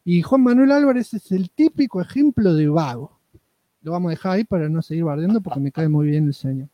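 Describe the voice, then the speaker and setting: Man, Argentine accent, high voice, dry close sound, joking podcast co-host. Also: lively intonation, brisk, dry recording, highs cut off. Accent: Argentine Spanish. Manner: joking, mock-indignant, playful. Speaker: podcast co-host reading listener comments. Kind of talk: casual podcast chat.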